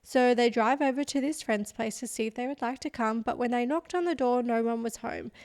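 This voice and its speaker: A woman with a fairly high voice tells a true crime story on a podcast. Her narration is relaxed and chatty, and she breaks off now and then to tease her co-host. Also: brisk, dry recording, studio quality. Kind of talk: casual storytelling chat.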